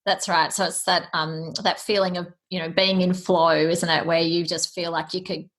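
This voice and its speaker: A woman's voice: fairly low pitch, little pitch movement, normal speed, fairly bright tone. A woman hosting a careers podcast, introducing her guest and guiding the talk with friendly questions. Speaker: podcast host and career coach. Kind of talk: podcast interview.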